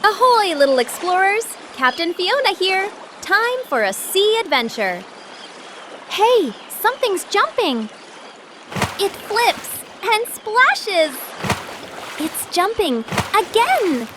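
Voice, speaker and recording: A woman voices a cheerful young female sea captain who guides toddlers through a cartoon, gushing in a sing-song way with constant exclamations. Her exaggerated voice is very high-pitched, very animated and bubbly, yet she takes it slowly. Loud children's music and other background noise play behind her.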